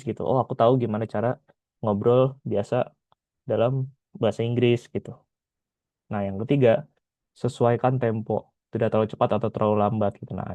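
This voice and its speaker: Relaxed chatty male tutor, dark voice. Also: lowish voice, no echo. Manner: relaxed, chatty, frequent filler "gitu". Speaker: IELTS tutor. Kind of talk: casual explanatory lesson. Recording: dull lo-fi sound.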